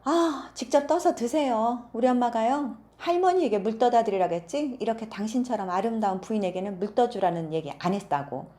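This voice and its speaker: A woman voicing a spoiled, rude girl who whines and complains in loud, shrill shouts. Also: animated, brisk, few pauses, natural voice. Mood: whiny, bratty. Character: spoiled, whiny stepsister girl, rude and grumbling.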